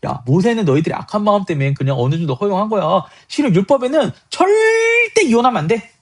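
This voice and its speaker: A man's voice: high voice, animated, rapid-fire, a little mellow, pitched above the performer's own voice. A man voicing Jesus as a blunt, scolding teacher who talks down to his listeners in plain casual speech. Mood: insistent.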